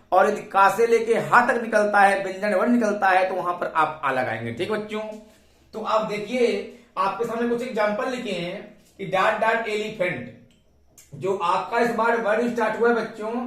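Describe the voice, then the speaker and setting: High-voiced indian guy teaching grammar, keeps asking and answering himself, roomy sound. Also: fairly bright tone, distant mic. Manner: repeats questions to students. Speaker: English teacher. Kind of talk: classroom grammar lesson.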